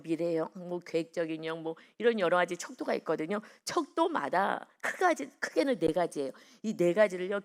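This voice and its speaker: A woman pastor delivers an early-morning devotional sermon with a gravelly, creaky edge to her voice. She preaches like she's chatting, telling stories from her own life and turning to her listeners with questions. Her voice sits at an ordinary middle pitch for a woman. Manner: conversational, tells personal stories, asks the congregation questions.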